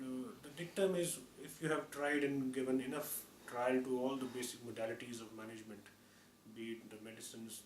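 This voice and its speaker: A man with an Indian accent giving a formal, explanatory medical talk as a surgeon, with hesitant phrasing. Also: mid-range voice. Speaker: orthopedic surgeon. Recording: echoey room, distant mic, clear noise.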